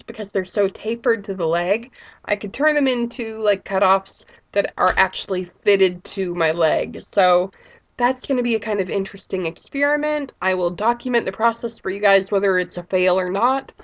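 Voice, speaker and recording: A woman in her thirties with a sick voice, chatting casually and rambling as a vlogger. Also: mid-range voice. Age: 30s. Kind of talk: casual chat.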